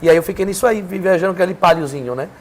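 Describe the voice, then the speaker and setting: This Brazilian man, a preacher who is a podcast guest, has a high voice and talks very fast as he recounts an emotional personal testimony. With a Brazilian Portuguese accent, he tells his story earnestly and emphatically, his intensity steadily rising.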